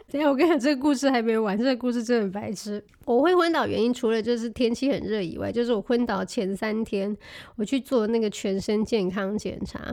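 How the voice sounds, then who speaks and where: A woman telling a funny story in casual chat, animated and laughing often, mixing in English words. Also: on the high side, fast.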